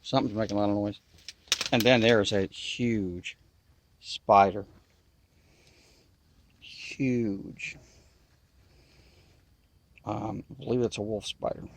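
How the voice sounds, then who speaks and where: A man with a fairly low voice, vocal fry, and a Southern US accent with a nasal twang chats casually to the camera. He's an outdoor video maker speaking in a folksy drawl out in the river bottoms.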